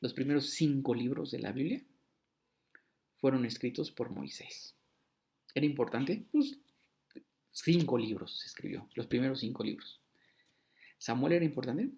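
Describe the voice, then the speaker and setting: A man's voice: mid-range voice, expressive, normal speed, vocal fry, long pauses. A man giving a casual Bible teaching sermon, talking conversationally and acting out short dialogues. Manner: conversational, acts out short dialogues with shifting voice and loudness. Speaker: preacher.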